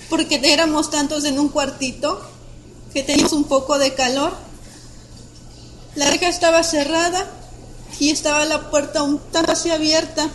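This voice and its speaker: High-voiced young Mexican woman testifying. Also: a little hiss or hum, low-quality recording. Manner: halting, breaks off and restarts sentences. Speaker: witness recounting an attack. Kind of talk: personal testimony.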